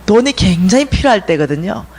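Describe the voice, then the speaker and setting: Animated Korean woman telling a church testimony. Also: mid-range voice, a little fast, slight background noise. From South Korea. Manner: animated storytelling, acting out dialogue. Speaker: guest speaker at a church revival. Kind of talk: sermon testimony.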